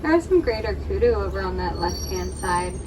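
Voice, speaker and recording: A woman's voice: animated, fairly quick. A woman with an American accent giving an emphatic, rehearsed spoken tour as a safari guide and driver. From Pennsylvania, United States. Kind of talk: spoken tour commentary to passengers. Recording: distant, noisy recording aboard a rumbling truck.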